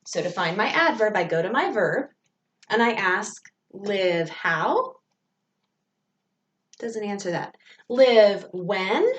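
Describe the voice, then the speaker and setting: Slow patient woman teacher, roomy sound. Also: medium pitch, far from the mic. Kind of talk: remote grammar lesson.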